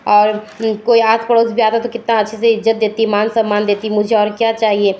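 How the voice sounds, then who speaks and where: A woman's voice: mid-range voice, completely flat delivery, fairly quick, darkish tone, lightly acted. A woman voicing an older mother-in-law who scolds and finds fault with her new daughter-in-law. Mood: reflective.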